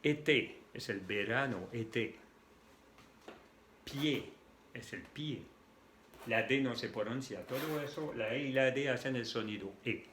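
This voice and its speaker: French-accented male tutor, unhurried, roomy echo. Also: medium pitch, a bit bright, slight background noise. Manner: spells out letters and repeats sounds patiently. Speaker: French teacher. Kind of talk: slow language lesson.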